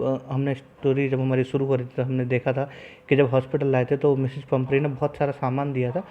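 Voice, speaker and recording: A male teacher explaining a text line by line. He reads each English line very slowly, then talks it through quickly and eagerly in Hindi. The recording is dull and lo-fi. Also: on the high side.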